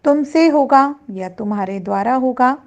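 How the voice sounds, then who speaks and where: A woman's voice: high voice, lively intonation, moderate pace, highs cut off. A woman teaching a Sanskrit grammar lesson to children, patiently reciting verb forms one by one.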